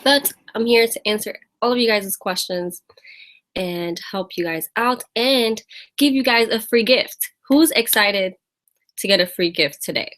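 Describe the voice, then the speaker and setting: Unhurried and fairly bright, her voice sits at a medium pitch. The speaker is an American woman running an informal live fitness Q&A, where she chats, laughs, and greets each viewer by name.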